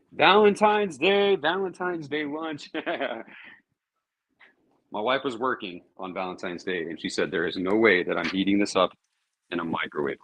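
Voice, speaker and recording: A man's voice: low voice, sharp tone. A man hosting his own cooking vlog, chatting casually and thinking aloud as he grills. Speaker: cooking show host.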